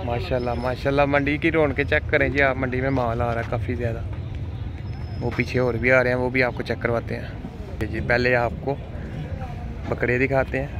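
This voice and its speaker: A man with a medium-pitched voice speaks at a normal speed as he walks through an outdoor cattle market under tents, narrating for his video. His walking-tour commentary is flat and repetitive, and he keeps praising the animals again and again. Outdoor noise sits behind his voice.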